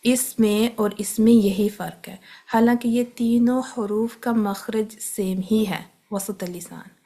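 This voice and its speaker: A woman teaching tajweed, patiently explaining where letters are formed and repeating each sound slowly, with English words mixed in. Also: medium pitch, fairly even intonation, warm tone. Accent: Pakistani Urdu. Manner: patient, step-by-step instruction mixing in English terms. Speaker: Quran recitation teacher.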